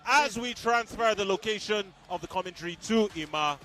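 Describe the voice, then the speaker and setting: High-pitched male fight commentator. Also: a little fast, fairly bright tone, faint music behind. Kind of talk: live sports play-by-play commentary.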